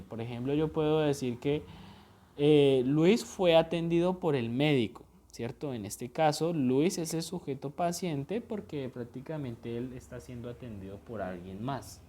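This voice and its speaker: A man's voice: medium pitch, darkish tone, a little hiss or hum. A male teacher giving a grammar lesson, explaining each point patiently, checking that students follow, and repeating things with small self-corrections.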